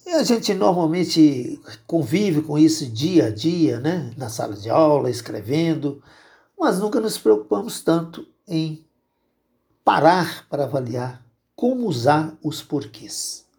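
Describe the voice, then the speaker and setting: Gravelly Brazilian teacher explaining grammar. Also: male voice, on the high side, sing-song, measured pace, a little mellow. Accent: Brazilian Portuguese. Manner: patient and explanatory, repeating each rule. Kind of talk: spoken grammar lesson.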